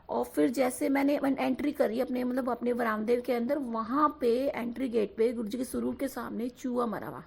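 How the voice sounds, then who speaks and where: In a high-pitched, darkish and slightly rough voice with vocal fry, a young woman gives a casual testimony to a devotional audience. She rambles about her own experience, uses lots of fillers and keeps asking "है ना" to draw their agreement.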